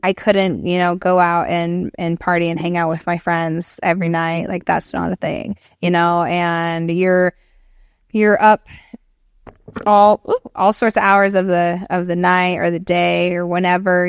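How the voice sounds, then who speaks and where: Woman, thirties, low voice, smooth tone, dry close sound, reflective casual podcast chat. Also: level tone, normal speed, no room sound. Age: 30s. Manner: reflective, laughs often, many fillers. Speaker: podcast guest.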